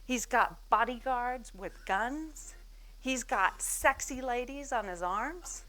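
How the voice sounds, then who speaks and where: Speaking slowly in a fairly high, bright and pushed voice, a woman in her forties delivers an expressive business talk on stage before an audience. She recounts her story with self-deprecating humor, performing the voices of the people she quotes.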